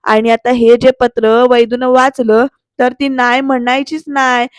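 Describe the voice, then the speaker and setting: A woman's voice: fairly high pitch, flat delivery, a little slow, no room sound, clean studio sound, lightly acted. A woman voicing a scheming older father who talks slyly and confidently.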